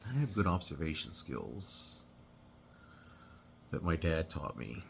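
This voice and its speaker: A man casually telling a personal story, halting and rambling with many restarts and "you know"s. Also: deep voice, a little hiss or hum.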